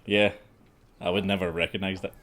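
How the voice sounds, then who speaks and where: Deep-voiced game master. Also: male voice, little pitch movement, a little fast, crowd noise. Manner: amused, often laughing, theatrical rhyming narration. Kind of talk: narrating a tabletop game.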